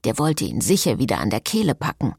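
Woman reading an audiobook, low voice, wry and lively, dry close sound. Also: fast talker, creaky, husky, no echo. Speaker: audiobook narrator. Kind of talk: scripted narration.

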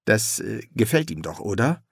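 A man's voice: lowish voice, sing-song, moderate pace, vocal fry, slightly rough, no echo, studio quality, full character voice. A man voicing an anxious young king who hesitates and fusses in an audiobook. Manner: hesitant, fussy.

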